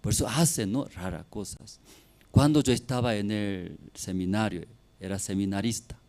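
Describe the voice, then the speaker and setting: A man's voice: fairly low pitch, normal speed, a little mellow. A middle-aged man preaching a sermon as pastor, often ending phrases with tag questions and building to emphatic bursts.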